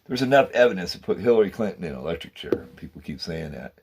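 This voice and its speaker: Low husky-voiced man ranting fervently. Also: very animated, fast talker, darkish tone. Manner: fervent, repetitive, addresses viewers as guys and man. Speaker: channel host. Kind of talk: rambling conspiracy monologue.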